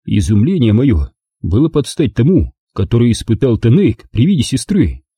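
A man narrating a first-person audiobook story with wry, lively storytelling. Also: medium pitch, moderate pace, slightly rough, no room sound, studio quality.

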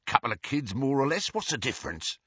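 Shrieking brute of a dark wizard, as a man puts him on. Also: mid-range voice, big pitch swings, brisk, slightly rough, dry recording, pitched above the performer's own voice, exaggerated voice. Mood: sly. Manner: shrieking, bellowing, coarse. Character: uncouth brutish male dark wizard, coarse and bullying. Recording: slightly dull, dry recording.

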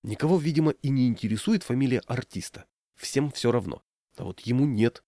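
A man's voice: mid-range voice, lively intonation, fairly quick, dark tone, dry recording, studio quality, natural voice. A man voicing a timid, hapless man who speaks bitterly and in despair.

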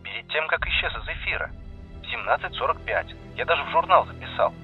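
A flustered, eager-to-please polar radio operator, as a male narrator puts him on, pitched a little higher than the storyteller's own voice. His words crackle through a tinny, phone-like radio line, with faint music underneath. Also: lively intonation, a little fast. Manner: unsure, apologetic, eager to please. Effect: radio transceiver filter.

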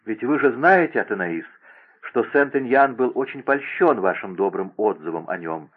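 A man's voice: mid-range voice, expressive, moderate pace, slightly rough. A man reading aloud and voicing an imperious, scheming young princess who gives orders in a raised, insistent voice. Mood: commanding. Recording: tinny phone-like radio broadcast.

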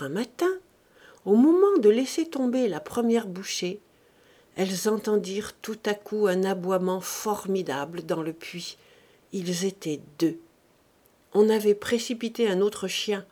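A woman narrating a classic short story in a measured, dramatic storytelling reading. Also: mid-range voice, mellow. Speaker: audiobook narrator. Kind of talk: scripted narration.

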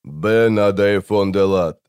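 A man playing a wary male mage who gives short, curt replies in a fairly low voice, for an audiobook. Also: slow, darkish tone, smooth. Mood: tense.

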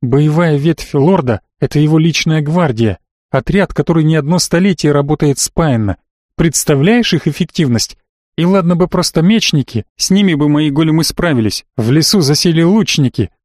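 A man reading the part of a sharp-tongued young female mage in an audiobook, with curt, snappish delivery. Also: on the high side, expressive, normal speed, no room sound, clean studio sound, close to an everyday voice. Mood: explaining. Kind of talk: audiobook narration.

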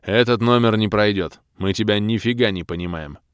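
A man voicing a protective male adventurer who flatly brushes off a companion. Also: lowish voice, moderate pace, smooth, no echo, studio quality, natural voice. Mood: dismissive.

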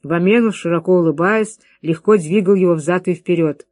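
Steady audiobook narrator, dry sound. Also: medium pitch, moderate pace, no room sound. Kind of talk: audiobook story reading.

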